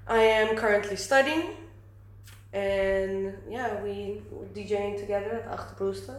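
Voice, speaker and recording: A woman from Brazil, a guest DJ, chatting casually on a podcast, animated and laughing often. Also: mid-range voice, unhurried, echoey room, a little hiss or hum. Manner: animated, laughing, acts out passers-by.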